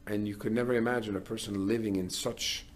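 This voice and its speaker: A man's voice: on the low side, fairly even intonation, quick pace, slight background noise. A middle-aged man, a rabbi, giving a sermon in an earnest way, building to emphatic declarations.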